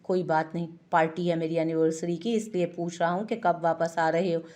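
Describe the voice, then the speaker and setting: एक महिला कथावाचक एक शरारती, चिढ़ाने वाले युवा पति की आवाज़ पढ़ती है।. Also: female voice, on the low side, little pitch movement, fairly quick, darkish tone, natural voice. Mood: playful. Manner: teasing, mock-innocent. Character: playful young husband teasing his wife. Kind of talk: audiobook character voice.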